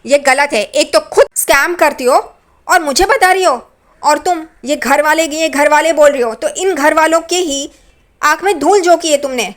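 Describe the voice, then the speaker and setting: A woman's voice: very high-pitched, fast talker, few pauses, sharp tone, pitched above the performer's own voice. A woman voicing a young woman who angrily accuses a relative in a family quarrel, in a heated tone. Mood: angry.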